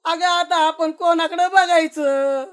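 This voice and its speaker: A woman's voice: very high-pitched, steady tone, slow pace. A woman playing a wailing, grieving old mother. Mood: wailing grief. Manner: wailing, sobbing lament. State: crying. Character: grieving older woman wailing for a dead son.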